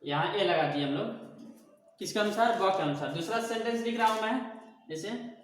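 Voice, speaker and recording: A man's voice: sits high, normal speed, slight background noise. A man teaching an English grammar lesson in a classroom style, asking his own questions and answering them to drill each point home. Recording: very echoey room.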